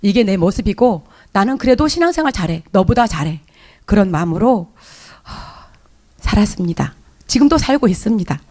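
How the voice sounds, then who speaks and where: A woman's voice: mid-range voice, sing-song, moderate pace, a little mellow. A woman with a Jeolla Korean accent giving an emotional, confessional testimony in church, hesitating and restarting often. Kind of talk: spoken personal testimony in church.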